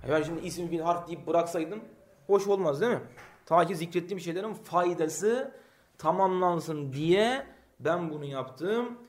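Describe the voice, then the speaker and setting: A man's voice: a little high, normal speed. A man teaching a grammar lesson, reading short Arabic lines and explaining them step by step while asking the class questions.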